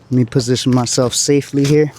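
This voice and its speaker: A man working as a roofer, talking through a shingle repair step by step, his voice going hoarse after a long day. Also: mid-range voice, fairly even intonation, fast, darkish tone, slight background noise. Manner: careful, explaining each step. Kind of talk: on-site repair walkthrough. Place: on a rooftop outdoors.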